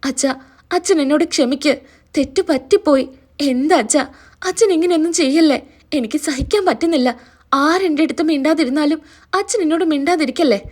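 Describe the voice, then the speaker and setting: Woman voicing a crying young girl begging dad to forgive her, high voice. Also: brisk, darkish tone, lightly acted. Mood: pleading. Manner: pleading, tearful.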